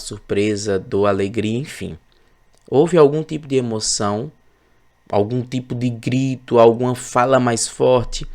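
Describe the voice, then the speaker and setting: A man with a Brazilian accent teaches a recorded grammar lesson. His voice has a gravelly, creaky edge at a middling pitch. He explains patiently and keeps checking that his students are following. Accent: Brazilian Portuguese.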